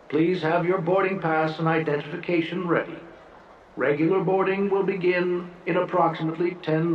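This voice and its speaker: Man announcing through an echoey loudspeaker. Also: on the high side, lo-fi sound, slight background noise. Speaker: public address announcer. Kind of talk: scripted transit announcement. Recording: echoey hall heard from far off.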